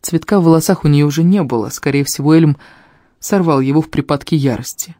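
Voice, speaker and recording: An audiobook narrator reads a first-person fantasy story with expressive, emotional delivery. The mid-range voice moves quickly and is recorded on a close microphone with no echo.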